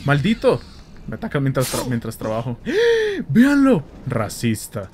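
A man chatting excitedly while playing a video game, with a Central American Spanish accent, making blaster sounds and joking. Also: medium pitch, normal speed, faint music behind. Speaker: gameplay streamer. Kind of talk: casual let's-play commentary.

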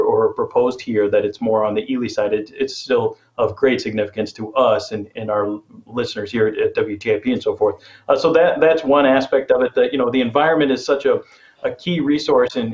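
A man's voice: lowish voice, a little mellow. A man in his thirties, a radio news editor, explaining conversationally from a small studio over a video call. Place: home office studio. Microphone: studio mic on boom. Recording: slightly dull call audio.

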